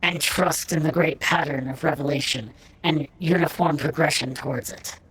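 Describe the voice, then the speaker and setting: Gravelly, delirious cyborg mystic; slow, prophetic cadence. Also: male voice, on the high side, steady tone, fairly bright tone, no echo, poor audio. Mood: solemn. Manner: slow, solemn, prophetic speech. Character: dying delirious cyborg tech-priest, cryptic and solemn.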